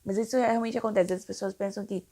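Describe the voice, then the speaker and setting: A woman's voice: medium pitch, steady tone, quick pace, warm tone. A young woman from Brazil, an English teacher for children, explaining in a chatty, reassuring way with frequent tag questions. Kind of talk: casual explainer video.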